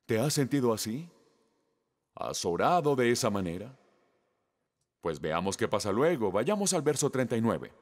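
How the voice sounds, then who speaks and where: Brief: middle-aged man, pastor preaching, very lively pitch, emphatic storyteller. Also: normal speed, pauses often. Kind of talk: sermon.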